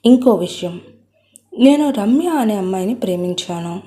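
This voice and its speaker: A woman voicing a hot-tempered, stubborn young man who shouts indignantly. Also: medium pitch, animated, moderate pace, close to an everyday voice. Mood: defiant.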